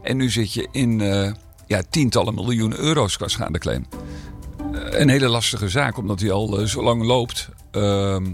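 A man's voice: on the low side, moderate pace, soft background music. A man serving as mayor, talking in a podcast interview with a slight cold, hesitant and full of fillers and restarts. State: slight cold, rough throat.

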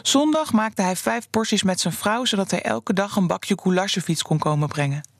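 A narrator reading the quoted lines of an old woman in her eighties, slightly raised and gently recounting. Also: medium pitch, normal speed, no echo, clean studio sound, natural voice. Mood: recalling. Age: 80s. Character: Alida, woman in her eighties, his wife.

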